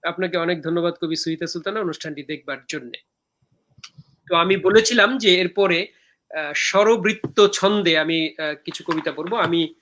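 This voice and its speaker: A man hosting a live poetry talk over a video call, explaining verse meter in a measured way with frequent hesitant fillers. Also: on the high side, a bit bright. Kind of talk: explaining verse meter and reading viewer comments.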